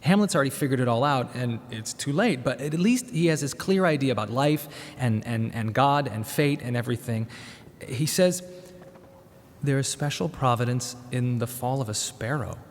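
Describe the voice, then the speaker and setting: In a radio drama, a man with a natural, mid-range voice plays a young father who is grieving and restless, earnest, awkward and reflective. As narrator and protagonist he moves between narration and dialogue in a halting, reflective, wistful way. The recording sounds like a reverberant hall with faint background noise.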